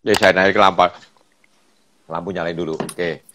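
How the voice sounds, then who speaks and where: An older man from Indonesia chatting casually, telling lively stories and often laughing. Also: sits low, normal speed. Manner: animated storyteller, laughs often, acts out quoted voices. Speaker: photographer and guest. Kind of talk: casual storytelling chat.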